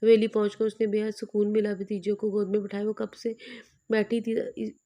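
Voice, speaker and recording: A woman reading a romantic novel aloud as an audiobook narrator, in a steady storytelling manner. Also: medium pitch, a little fast.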